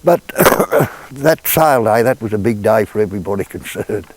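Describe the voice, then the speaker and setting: A man's voice: on the low side, animated, normal speed, husky, poor audio. An older man with a rural Australian accent, recalling the past in a plain, laconic drawl. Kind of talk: oral-history reminiscence.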